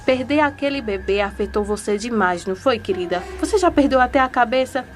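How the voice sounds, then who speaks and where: A woman's voice: a little high, lively intonation, a little fast, close to an everyday voice. A woman reading the lines of a domineering, scheming mother in a cold, condescending tone. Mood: scolding.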